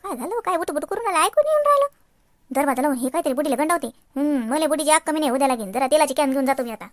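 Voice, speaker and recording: A woman's voice: high-pitched, expressive, very fast, no room sound, clean studio sound. A woman voicing a scheming woman relative in a cartoon, muttering gloating asides. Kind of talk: cartoon voice acting.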